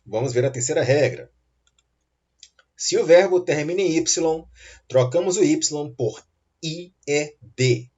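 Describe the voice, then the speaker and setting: Slightly high and a little mellow, this man's voice comes through a dull lo-fi recording. He teaches English grammar slowly and patiently, checking in with rising prompts like "tá bom?" to make sure students are following.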